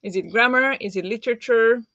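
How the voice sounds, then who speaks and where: On a book live stream, a Slovak-native woman reads out comments and answers viewers in a chatty, warm way, sprinkling in fillers and small laughs. She talks fairly quickly at a middling pitch, and the sound is dry and a bit dull with no room sound, like a simple home setup.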